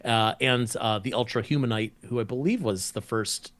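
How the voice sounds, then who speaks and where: A man's voice: medium pitch, moderate pace, a bit bright. A man chatting casually as a podcast guest, rambling through explanations with playful asides. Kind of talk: casual chat.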